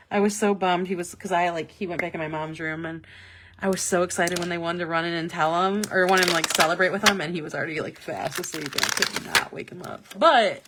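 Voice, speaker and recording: A woman hosting a casual live stream, talking excitedly and laughing often, with lots of "like" fillers. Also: lowish voice, a little hiss or hum. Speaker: planner stencil shop host. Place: office. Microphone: live-stream webcam mic.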